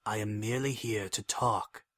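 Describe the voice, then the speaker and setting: A man voicing a gentle, anxious winged monster pleading with his brother in a soft, measured, theatrical dramatic reading. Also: on the low side, steady tone. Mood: earnest, pleading.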